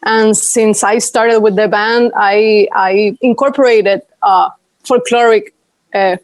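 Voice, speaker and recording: Measured woman, higher voice. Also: dry recording. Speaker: band member. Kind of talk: casual Q&A answer.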